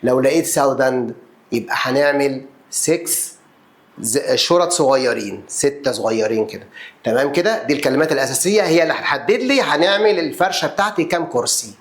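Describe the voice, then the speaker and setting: A man's voice: medium pitch, expressive, brisk, reverberant. A man with an Egyptian Arabic accent teaching a math lesson, counting places aloud and answering his own questions as if he were the pupil.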